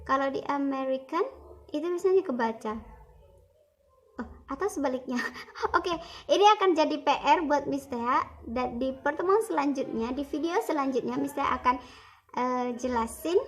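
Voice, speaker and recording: A woman's voice: high-pitched, normal speed, a little hiss or hum. A young woman teaching English in an online video lesson, explaining over slides in a chatty, casual classroom tone.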